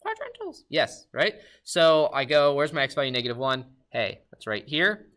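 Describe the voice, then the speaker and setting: A man giving a recorded math lesson, upbeat and talking straight to his students with quick questions. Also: mid-range voice, sharp tone, clean tone. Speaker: math teacher.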